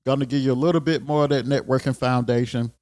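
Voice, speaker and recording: A man hosting his own show, giving relaxed, conversational career advice with a regional American accent and plenty of repetition. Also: medium pitch, quick pace. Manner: relaxed, conversational, repeats himself. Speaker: host. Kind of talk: casual career advice talk.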